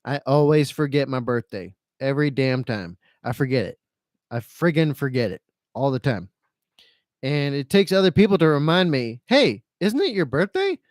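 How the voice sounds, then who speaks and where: On a casual live stream, a mid-range male voice reads chat comments and wanders repetitively back over the same phrases, swearing and sounding resigned and sorry for himself. The studio sound is clean with no room sound.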